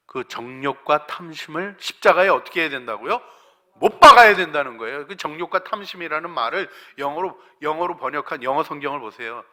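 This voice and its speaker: A man preaching a sermon as pastor, swinging from hushed near-whispers to fervent shouting and putting questions to the congregation. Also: fairly high pitch, expressive, a little fast. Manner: asks the congregation questions and answers them; acts out quoted voices within the sermon.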